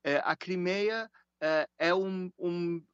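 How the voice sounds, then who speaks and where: A man from Germany speaking Portuguese as a second language with a German accent, giving expert interview commentary in halting phrases with repeated words, over an internet call. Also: high voice, clear, resonant tone, no echo, muffled recording. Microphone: Skype call.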